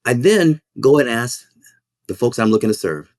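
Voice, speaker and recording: A man's voice: mid-range voice, animated, darkish tone, no echo, studio quality. A man who is a school principal and minister, speaking in a podcast interview in an earnest, reflective way that halts and repeats words. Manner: halting, repeats words while thinking.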